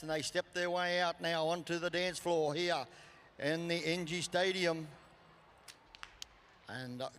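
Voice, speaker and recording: A man's voice: fairly high pitch, a bit bright, clear, resonant tone. Australian man announcing in a reverberant arena. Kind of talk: live campdraft commentary over arena PA. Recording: PA echoing through large arena.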